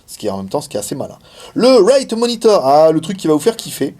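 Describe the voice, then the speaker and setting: A man's voice: on the high side, wildly swooping pitch, fast talker, dark tone. A man giving a casual, chatty hands-on demo of a gadget, with many fillers and laughs. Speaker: tech reviewer. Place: indoors, filming in China.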